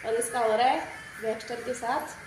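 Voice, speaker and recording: A young woman vlogging in a relaxed, chatty way, talking straight to her viewers. Her voice sits a little high. Steady background noise runs under her talk. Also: moderate pace. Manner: chatty, addresses viewers directly. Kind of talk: casual vlog chat.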